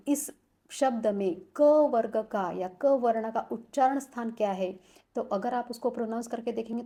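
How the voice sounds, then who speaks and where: A woman teaching Sanskrit letters, sounding out each one slowly and deliberately. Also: on the high side, mellow. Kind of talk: explaining a lesson.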